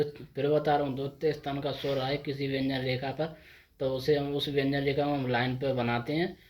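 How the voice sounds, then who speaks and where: A man teaching a shorthand class, explaining each step slowly and answering his own questions as he writes. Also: medium pitch, darkish tone. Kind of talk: board lesson explaining step by step.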